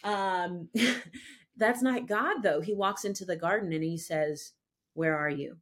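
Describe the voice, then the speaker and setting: A woman's voice: mid-range voice, a little slow. A woman speaking as a guest on a faith podcast, sharing her personal testimony in an earnest, emphatic way that circles back on itself as she speaks. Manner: earnest, emphatic, repeats "I'm telling you".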